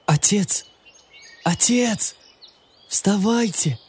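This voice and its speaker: A man's voice: sits high, extremely slow, slightly rough, voice pushed up, heavily acted. A man doing an eager young boy. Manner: excited calling.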